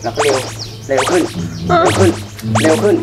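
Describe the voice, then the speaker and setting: A man's voice: a little high, wildly swooping pitch, a little fast. A young man playing a friend who coaches a village girl in singing, giving orders in a bossy, pushy way. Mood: bossy, urging. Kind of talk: short drama acting. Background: loud music.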